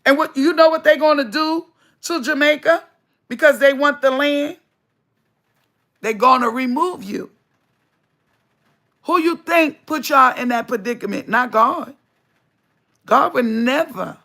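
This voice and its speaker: A woman's voice: high voice, a little slow, vocal fry, pauses often, fairly bright tone. A woman, hosting a spiritual livestream monologue in an emphatic, preachy way and repeating lines for stress. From United States. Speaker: livestream host.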